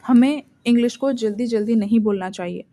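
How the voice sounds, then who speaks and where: Explaining in Hindi, an Indian-accented woman teaches spoken English, her tone warm and mellow and her pitch slightly high. Whenever she reaches an English example sentence, she reads it slowly and deliberately.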